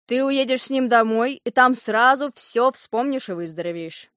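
A woman's voice: fairly high pitch, lively intonation, moderate pace, fairly bright tone, no echo, studio quality. A woman voicing a bossy, scheming male doctor who gives curt orders in an audiobook. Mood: falsely soothing. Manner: curt and commanding. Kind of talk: audiobook reading.

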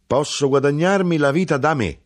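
A man reading a literary novel aloud, voicing a proud, practical elderly mother with brisk, triumphant asides. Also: on the high side, voice pushed up, natural voice.

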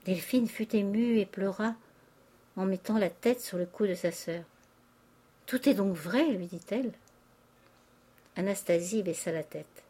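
A woman's voice: medium pitch, a little slow, pauses often, warm tone, breathy edge. Woman narrating a classic novel. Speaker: audiobook narrator. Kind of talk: literary audiobook narration.

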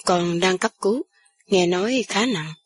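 A woman voicing a young man, a steady son who speaks reassuringly. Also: on the low side, a little slow, natural voice. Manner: reassuring, firm.

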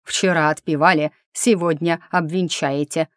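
A woman's voice: deep voice, fairly even intonation, measured pace, dry recording, clean studio sound. A woman reading the part of an impatient, domineering lord who gives curt commands, in an audiobook.

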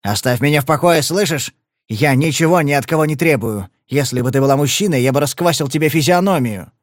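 A man's voice: a little high, expressive, a little fast, no room sound, studio quality, natural voice. A male reader voicing a blunt, scarred thug who growls his threats. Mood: gruff. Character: thuggish, scarred male brawler, blunt and menacing.

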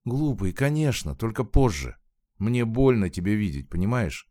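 A man voicing a tearful young woman who is torn and desperate, in a soft, pleading read. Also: lowish voice, big pitch swings, moderate pace, no room sound, studio quality, voice pushed up. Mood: wistful.

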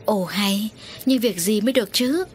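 A woman's voice: mid-range voice, moderate pace, slight background noise, close to an everyday voice. A woman narrator voicing an old grandmother with a cane who fusses over her children. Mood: fretful. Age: older.

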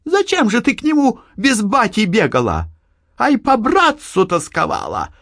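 Male reader playing a sharp-tongued young wife, raised pitch, lively, dry close sound. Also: a little slow, no echo, heavily acted. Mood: defiant. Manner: sharp, mocking retorts. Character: defiant young married peasant woman, sharp-tongued. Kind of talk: audiobook reading.

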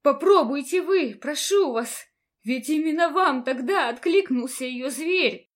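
A woman's voice: high voice, animated, takes it slowly. A woman voicing a desperate grieving young woman. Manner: loud, pleading cries.

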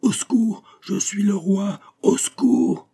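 A man voicing an enraged imprisoned king who shouts for help in a shrill, strained voice. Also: slow pace, gravelly, breathy edge, exaggerated voice. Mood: desperate.

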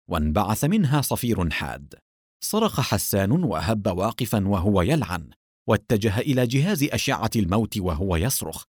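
A man narrating an audiobook novel in an expressive storytelling manner. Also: fairly low pitch, dry recording, studio quality.

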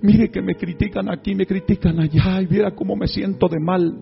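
Fervent gravelly-voiced male pastor. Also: high voice, steady tone, moderate pace, muffled recording, soft background music. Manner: fervent preaching, rising to shouts. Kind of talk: sermon.

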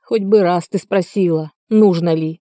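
A weary young man in an audiobook, read by a woman. He speaks flat and tired in a low, mellow voice. The sound is close and dry. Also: measured pace, dry recording, close to an everyday voice.

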